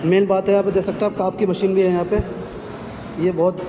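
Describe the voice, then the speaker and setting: A man's voice: high voice, level tone, fast talker. A man giving a walking tour of a busy gym, plainly pointing things out and repeating himself as he goes. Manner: plain, repetitive guiding, points things out as he walks. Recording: noisy gym background.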